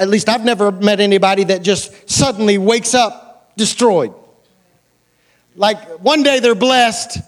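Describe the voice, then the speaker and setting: Preaching a sermon in an extremely high-pitched voice, an American pastor keeps things conversational and colloquial. He repeats phrases for emphasis and puts questions to his listeners.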